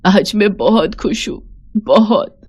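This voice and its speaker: A woman voicing a gentle, loving old mother-in-law who speaks softly and slowly. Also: low-pitched. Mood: tender. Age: older.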